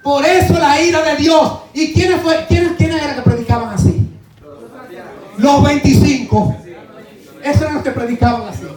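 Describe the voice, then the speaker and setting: A man preaching a fervent sermon, his voice pitched remarkably high. He swings between shouted exclamations and hushed asides, addressing the congregation as brothers. The sound rings around an echoey church. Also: fairly even intonation, moderate pace, long pauses, faint music behind. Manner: fervent, rising to shouts and dropping to near-murmurs. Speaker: pastor.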